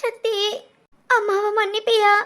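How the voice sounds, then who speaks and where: A woman voicing a remorseful middle-aged mother who speaks softly through tears. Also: extremely high pitch, level tone, a little slow, pitched above the performer's own voice. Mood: remorseful, tearful. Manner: soft, sobbing, pleading.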